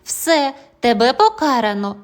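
A woman's voice: sits high, big pitch swings, a little slow. A woman voicing a caring mother who speaks firmly but reassuringly, in an audio fairy tale. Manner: firm, reassuring.

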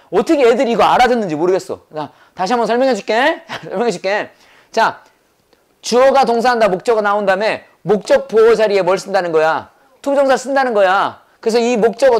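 A man teaching English grammar in a brisk lecture, drilling points over and over and firing rhetorical questions at his students. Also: high-pitched, darkish tone. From South Korea. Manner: quizzing with rapid rhetorical questions. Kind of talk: classroom lecture.

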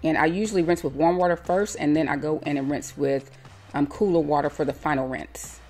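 Low-voiced woman calmly narrating a hair tutorial. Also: fairly quick, faint music behind. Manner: calm, step-by-step instructive. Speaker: hair stylist.

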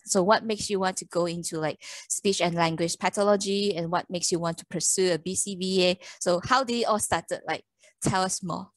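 A woman's voice: medium pitch, dry recording. Friendly woman host with a dry sound. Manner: friendly, asks questions with loose grammar. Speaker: podcast host. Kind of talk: casual video-call interview. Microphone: video call.

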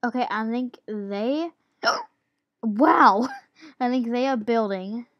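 A woman's voice: a little high, slow pace, no room sound, lo-fi sound. A woman giving casual gameplay commentary as a YouTuber, giggly and hesitant with lots of ums, while she has the hiccups. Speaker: gaming YouTuber.

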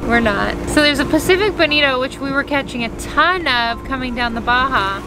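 A woman's voice: high-pitched, expressive, fairly quick, poor audio. A woman in her thirties, narrating a sailing family vlog in a chatty, upbeat, self-deprecating way, filmed close up on deck at sea. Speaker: sailing vlogger. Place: outdoors on a sailboat deck at sea.

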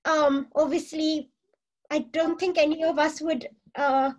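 A woman in her forties moderates from a book-lined room at home over a webcam. Her voice sits high, and she works up to each point through a string of fillers. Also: level tone, unhurried. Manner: hesitant, many fillers before points. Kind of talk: moderating a video call panel. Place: home library with bookshelves. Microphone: laptop webcam video call.

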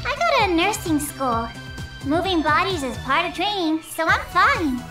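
A woman's voice: very high-pitched, very animated, normal speed. A woman voicing a sweet, cheerful, airy young nursing student in an anime video game, cutesy and friendly. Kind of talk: English video game voice acting. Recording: roomy, distant, loud game music behind.

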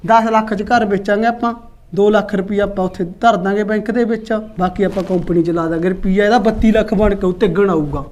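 A woman's voice: medium pitch, steady tone, fairly quick, darkish tone, lightly acted. A woman playing a boastful village husband who rambles on about a get-rich scheme in a comic sketch. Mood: insistent. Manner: bragging, rambling, talks over his wife.

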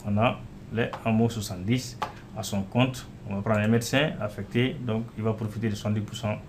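A developer shows his app in a screen-recorded demo, speaking in a fairly low voice with a relaxed, unplanned flow. He pads the pauses with "voilà" and "euh" while clicking between screens, and a faint hum runs under it all.

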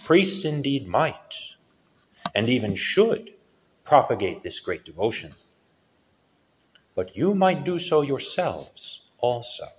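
A male priest giving a solemn sermon with a lively rise and fall in his preaching. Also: mid-range voice, a little hiss or hum. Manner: slow, solemn preaching with lively rises and falls.

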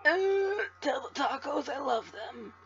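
A woman's voice: high voice, expressive, slow, fairly bright tone, highs cut off, a little hiss or hum. A woman hosting a let's play, giving casual gameplay commentary in a jokey, profane, self-mocking way.

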